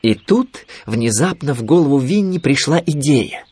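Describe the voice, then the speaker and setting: A man narrating a children's story in an expressive storytelling manner. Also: mid-range voice, moderate pace, slightly rough.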